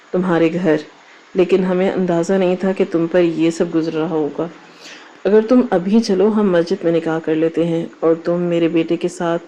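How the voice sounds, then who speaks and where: Woman reading as a calm, kindly older father in an audio story, low and mellow, gentle and steady. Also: close to an everyday voice, poor audio.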